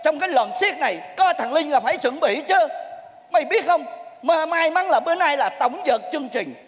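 High-pitched guy yelling at his student, stage sketch, echoey hall. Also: expressive, a little fast. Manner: scolding, exasperated, theatrical. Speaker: circus troupe master in a comedy sketch. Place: theater stage. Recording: stage recording with long hall reverb.

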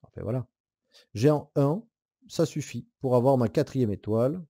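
A man's voice: mid-range voice, normal speed. A man playing a board game alone and explaining the rules as he goes, thinking aloud, counting dice and weighing his moves in a casual way. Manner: casual, with hesitant fillers and soft laughs. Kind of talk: solo board game playthrough tutorial.

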